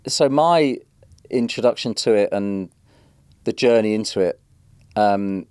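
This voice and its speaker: A man's voice: fairly low pitch, unhurried, smooth, no room sound. Man from Northeast England, dry studio mic. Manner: animated, rambling anecdotes with many restarts. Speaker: guest, drum and bass producer. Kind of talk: casual storytelling. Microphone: podcast studio mic.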